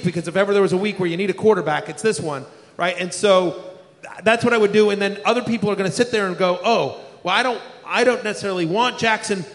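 A man's voice: high voice, fairly bright tone. A man hosting a live podcast before an audience, talking in a playful, rambling, self-mocking way. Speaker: podcast host. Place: large live music venue with audience. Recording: live hall with long reverb.

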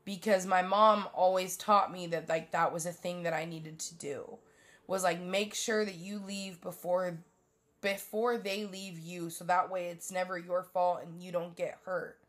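A woman's voice: on the low side, steady tone, measured pace. A young woman hosting a solo podcast from her bedroom, rambling bluntly and swearing often in a casual monologue. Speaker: podcast host.

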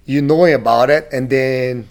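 A man's voice: medium pitch, fairly even intonation, normal speed. A man from Brazil in his thirties, a gym owner being interviewed, talking casually with many restarts and fillers.

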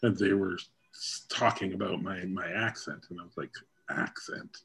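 Gravelly, low-voiced Canadian man. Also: normal speed, fairly bright tone, slight background noise. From Ontario, Canada. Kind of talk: casual chat.

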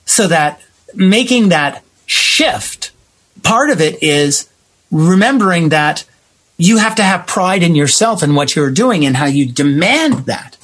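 With an unhurried, expressive delivery, this playwright and director speaks as an interview guest, laying out his ideas emphatically and voicing imagined remarks. His voice is a little high and a bit bright, and his manner is impassioned and conversational.

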